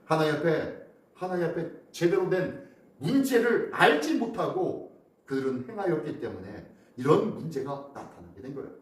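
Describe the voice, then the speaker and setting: A male pastor preaching an early-morning sermon, emphatic, with sudden loud bursts. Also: a little high, very animated, moderate pace, distant mic. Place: church sanctuary. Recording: echoey hall, mic from afar.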